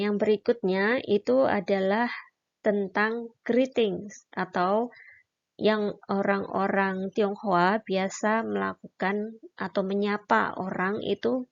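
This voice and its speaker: A woman's voice: mid-range voice, dull audio. A woman teaching a language lesson, patiently explaining and demonstrating each syllable aloud. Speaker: Mandarin teacher. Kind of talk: recorded online lesson.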